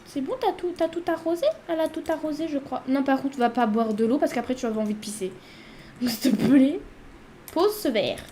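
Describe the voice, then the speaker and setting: A woman's voice: high voice, quick pace, hardly any pauses, mellow, a little hiss or hum. A woman hosting a casual life-sim let's play, chatting away and talking to her character as she plays. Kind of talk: casual gameplay commentary.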